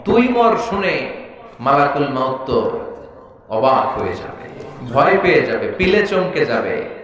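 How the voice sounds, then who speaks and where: A man preaching a dramatic sermon, shouting lines, chanting Arabic verses and calling on the crowd to answer. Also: medium pitch, very animated, slow pace, muffled recording. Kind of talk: Bengali waz sermon. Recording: echoey hall, loud reverb.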